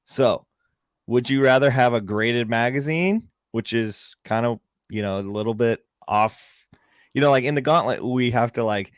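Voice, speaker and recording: A man's voice: medium pitch, normal speed, clean tone, no room sound, studio quality. A man on a podcast panel explaining his thinking casually, in a rambling, colloquial way.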